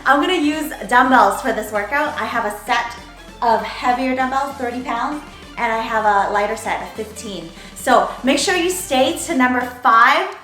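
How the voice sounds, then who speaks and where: A fitness coach and presenter playfully hypes up a casual workout demo in gym-bro slang, her fairly high voice animated, pushed and bright at a moderate pace. The room is very echoey, with background music playing.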